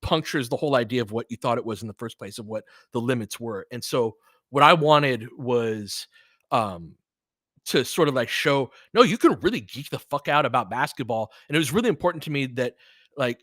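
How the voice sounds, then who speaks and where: Speaking at a moderate pace, this man has a medium-pitched, fairly bright voice that swings widely in pitch. He's a sports podcast host and play-by-play streamer, chatting off the cuff with listeners, earnest, rambling and freely profane, in a dry studio-quality recording.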